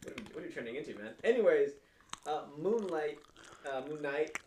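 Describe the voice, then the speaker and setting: A man's voice: a little high, big pitch swings, brisk, darkish tone, roomy sound, a little hiss or hum. A man co-hosting a casual podcast, rambling with lots of fillers and swearing freely. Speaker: podcast co-host.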